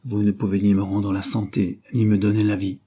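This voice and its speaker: Storybook father in despair, low husky dark voice, read by a man. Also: level tone, a little fast. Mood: anguished. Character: anxious, gravely worried father, Latin and Greek tutor.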